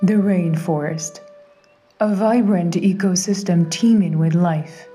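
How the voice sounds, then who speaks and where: A woman reading scripted nature documentary narration in a measured, reverent manner. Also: on the low side, dark tone, soft background music.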